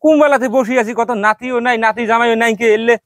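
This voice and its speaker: Man playing a lonely old grandfather, high voice, dry sound. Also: steady tone, fast talker, no echo. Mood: complaining. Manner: plaintive rural grumbling. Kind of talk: comedy skit acting.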